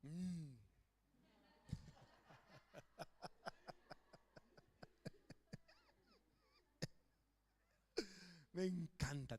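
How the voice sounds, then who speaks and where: A male pastor preaching a sermon to his congregation, with a notably high-pitched voice. He calls on the listeners to repeat after him, shouting some phrases and slowing others into a near hush. His tone is emphatic throughout. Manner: swings between loud declarations and quiet, slowed phrases. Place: church sanctuary with congregation.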